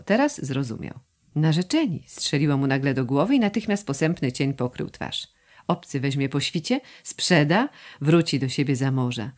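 A woman reading a novel aloud as an audiobook narrator, expressive in her storytelling. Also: deep voice. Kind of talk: scripted narration.

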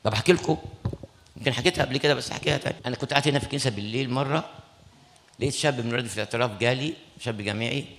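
A man's voice: medium pitch, racing, a bit bright. A man with an Egyptian accent, a priest preaching a sermon and retelling conversations from his ministry, acting out both sides. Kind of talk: sermon with storytelling. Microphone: studio broadcast mic.

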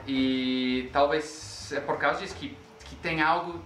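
A man's voice: on the high side, fairly even intonation, unhurried, fairly bright tone. A young man, an English speaker, chatting casually. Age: young adult. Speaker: host of a language video. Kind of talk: casual chat. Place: video call from a home room. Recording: roomy echo, faint background noise.

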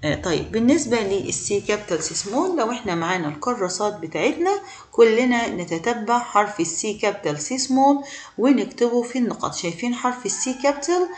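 A woman's voice: on the high side, expressive, echoey room. Patient Egyptian woman teaching English letters. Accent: Egyptian Arabic. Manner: patient, repeats words slowly for learners. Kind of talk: beginner language lesson.

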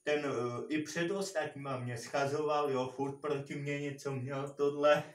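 A man's voice: fairly high pitch, steady tone. A man vlogger telling a personal work story in a rambling, repetitive way, full of filler words. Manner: rambling, repeats himself, many filler words. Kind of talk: casual storytelling. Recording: roomy and distant from mic.

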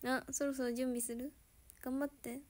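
A woman chatting casually with viewers on a livestream, giggling often and sometimes dropping to a soft murmur. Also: high-pitched, level tone, normal speed.

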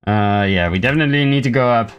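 A man giving casual gameplay commentary at home on a desk mic, mumbling and unhurried, with lots of ums and little laughs. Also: mid-range voice, muffled recording. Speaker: gameplay video host. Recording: faint game music behind.

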